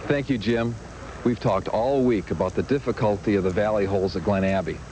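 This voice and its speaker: A man gives golf commentary as an on-course analyst. His voice sits fairly low and his delivery is plain and conversational, with clear outdoor noise behind him. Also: a little fast, darkish tone, low-quality recording. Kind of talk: explanatory sports commentary.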